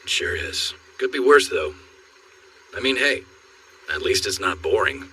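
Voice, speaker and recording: A burly, wry warrior in a dubbed anime, very deep yet bright and forceful in tone. He speaks in a measured, dryly humorous way, set back from the mic with faint music. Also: lively intonation, slight background noise. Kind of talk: anime English dub. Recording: distant voice with faint score.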